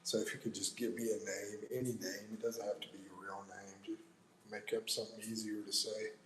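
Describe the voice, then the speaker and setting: A man's voice: lowish voice, little pitch movement, fairly quick, slight background noise, rough recording. A middle-aged American man hosting a livestream, casually reading viewer comments aloud and chatting back loosely, calling people "bro". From United States. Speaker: livestream host.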